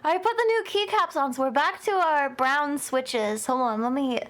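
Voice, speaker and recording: A young woman with a high voice chats casually on her live stream, greeting viewers and answering chat with lots of giggles. She sounds tired and worn down by a headache. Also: normal speed, fairly bright tone.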